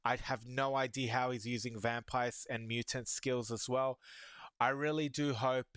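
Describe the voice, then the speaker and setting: A man hosting an anime reaction, talking casually and excitably to his viewers, rambling with many restarts. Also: mid-range voice, moderate pace, no echo. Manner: excitable, talks to viewers as "guys".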